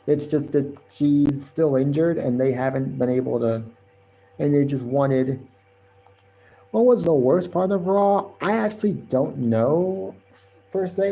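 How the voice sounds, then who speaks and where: A man's voice: on the high side, mellow. A man hosting a wrestling podcast live stream, rambling casually and often repeating and correcting himself.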